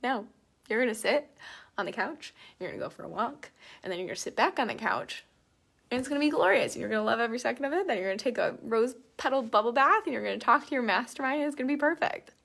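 A cheerful, bossy inner voice as a woman puts it on, handing out emphatic singsong orders. The tone is lifted and gravelly. It sounds pleased with its own plan. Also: on the high side, lively intonation, fast talker, a bit bright, voice pushed up, full character voice.

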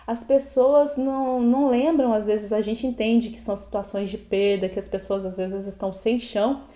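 Her voice is a little high and mellow, with fairly even intonation and a moderate pace. She's a Brazilian podcast co-host and animal protection advocate chatting about pets in an earnest, reflective way, finding her words as she goes, and the recording sounds echoey and roomy.

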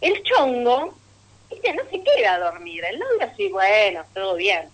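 A woman's voice: mid-range voice, wildly swooping pitch, unhurried, poor audio. A woman with a Rioplatense Argentine accent doing a stand-up monologue on radio, telling stories with chatty asides to the audience and laughing at her own punchlines. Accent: Rioplatense Argentine Spanish. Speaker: stand-up comedian.

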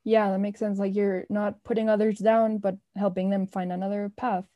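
A woman hosts a podcast and asks her guest questions in a casual chat. She is soft-spoken and holds a flat, even pitch. Her voice is warm and dark. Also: moderate pace, highs cut off. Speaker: podcast host.

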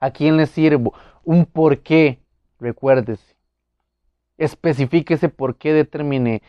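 Male preacher, fairly high voice, smooth and resonant, dry close sound, dull lo-fi recording. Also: slow pace, dry recording. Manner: earnest, emphatic, addresses listeners directly. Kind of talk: motivational sermon.

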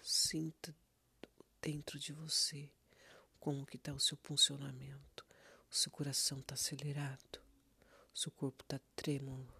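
Speaking in a breathy near-whisper, a meditation guide with a Brazilian accent offers gentle, soothing instructions and leaves long pauses between prompts. Her pitch is medium and her delivery monotone.

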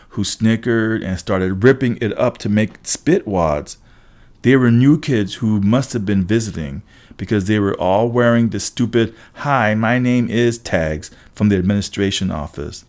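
Man narrating an audiobook, lowish voice. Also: a little slow, darkish tone. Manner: first-person storytelling, wry and conversational.

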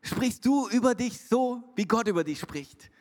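A man's voice: very high voice, lively intonation, measured pace, darkish tone. A man preaching a sermon as a pastor, emphatic and repetitive, with English words dropped into his talk. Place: church hall. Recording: reverberant church hall.

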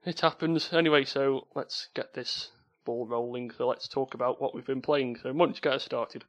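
A man's voice: medium pitch, steady tone, moderate pace, fairly bright tone. A man with a Stoke-on-Trent Potteries accent, hosting an informal gaming podcast. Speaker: stand-in podcast host.

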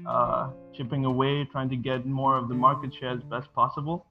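A man's voice: mid-range voice, level tone, moderate pace. A man in his twenties, originally from Sri Lanka, answering interview questions casually and hesitantly, with many fillers and restarts. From Sri Lanka, raised in Bahrain. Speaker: guest, design studio co-founder. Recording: dull lo-fi audio with music behind.

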